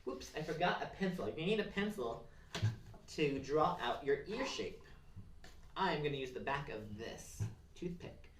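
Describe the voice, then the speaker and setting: Slightly slow and expressive, a mid-range voice encourages children through simple, step-by-step craft directions. It's recorded in a roomy space on a distant mic, with faint noise and clicks audible.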